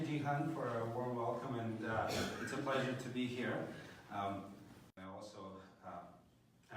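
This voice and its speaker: A man's voice: fairly low pitch, slight background noise. A middle-aged man from Ukraine giving a friendly, joking conference keynote with frequent fillers in a large auditorium. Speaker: keynote speaker. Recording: very echoey hall from far off.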